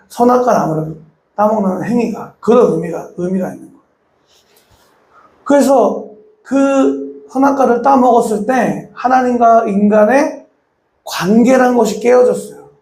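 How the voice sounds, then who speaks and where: A man's voice: high voice, a little mellow, roomy sound. A male pastor preaching a sermon, throwing rhetorical questions to his congregation and acting out voices.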